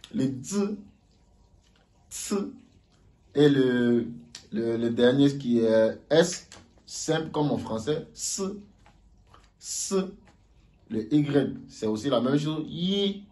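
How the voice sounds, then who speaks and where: A man giving a casual video lesson on Mandarin sounds, slowly repeating each sound aloud for learners. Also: mid-range voice, animated, darkish tone. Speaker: Mandarin teacher.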